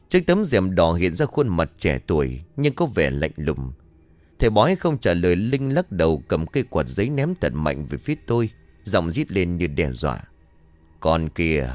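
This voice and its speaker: Expressive low-voiced male ghost-story narrator. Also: dry recording.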